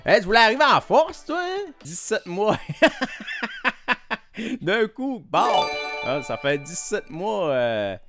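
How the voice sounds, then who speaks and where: Lively Québécois man streaming, teasing chat. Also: high-pitched, slow, long pauses, over music. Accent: Québécois French. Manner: playful, teasing, laughs often, animated. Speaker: Twitch streamer. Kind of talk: casual live-stream chat while playing a quiz game. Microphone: desk microphone.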